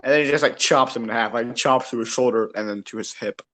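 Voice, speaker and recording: A man's voice: mid-range voice, fast, a bit bright. A young man chatting casually on a podcast with friends, rambling and laughing, full of restarts and fillers.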